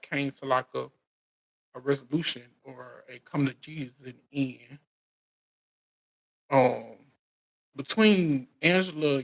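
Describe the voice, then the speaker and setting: The American host of a live reality TV recap speaks with a creaky, fairly bright voice at medium pitch, recorded with poor audio. He's informal and colloquial, frequently restarting and echoing his own phrases.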